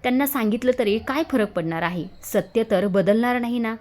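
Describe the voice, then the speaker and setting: A woman's voice: on the high side, animated, fairly quick, a little mellow, lightly acted. A woman reading a guilt-ridden grown man. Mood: self-reproach. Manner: heavy, self-blaming. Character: stern guilt-ridden husband, adult man.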